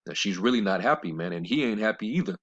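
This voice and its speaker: A religious commentator with a deep, expressive, slightly bright voice rambles through scripture, heavy on fillers and restarts and dropping blunt, scornful asides. When reading verses he shifts into a slower, measured cadence. The audio is dull and lo-fi.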